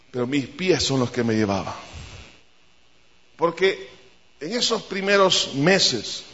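A male pastor delivers a fervent sermon and keeps addressing his listeners as brother. His voice is high and bright. The sound is dull and muffled, with a long reverb.

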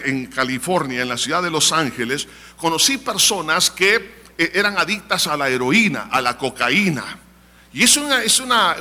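A man's voice: on the high side, pushed and bright, in a large hall. A man preaching a sermon as pastor, telling testimonies and exhorting the congregation. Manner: storytelling, quotes people in raised voices, exhorting.

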